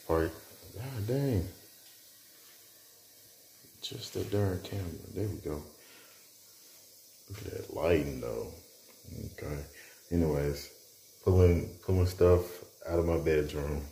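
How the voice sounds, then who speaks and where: Slow, deep-voiced laid-back young man. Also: mellow, slight background noise. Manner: laid-back, rambling with slang and restarts. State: out of breath from moving furniture. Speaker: vlogger. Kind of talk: casual vlog chat. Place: apartment bedroom, indoors.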